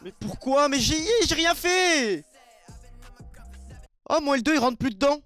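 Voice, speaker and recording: A young man with a French accent giving raging gameplay commentary, shouting one moment and muttering the next, with sing-song taunts. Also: extremely high pitch, expressive, measured pace, soft background music. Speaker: gaming streamer.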